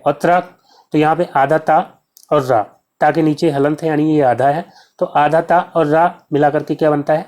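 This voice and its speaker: A man teaching an exam-prep grammar lesson. He explains step by step, asks a question and answers it himself, and says each sound slowly to show how it is pronounced. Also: a little high, a little mellow.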